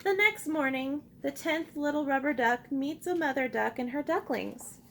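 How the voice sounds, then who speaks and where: At a moderate pace, a high-voiced female teacher reads a picture book to young kids, with a faint hiss or hum on the recording. She speaks expressively and encouragingly, prompting the children with simple questions to answer aloud.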